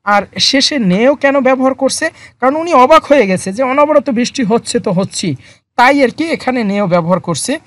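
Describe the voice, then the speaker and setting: A teacher explaining a textbook lesson in a slow word-by-word way, repeating each term with frequent fillers. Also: high voice, lively intonation, dry recording. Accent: Bangladeshi Bengali. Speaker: Korean language teacher. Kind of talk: lesson explaining vocabulary and grammar.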